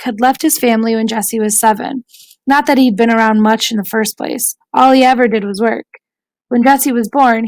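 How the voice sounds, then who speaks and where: Woman audiobook narrator, slightly high, gravelly texture, measured reading. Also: no echo, rough recording.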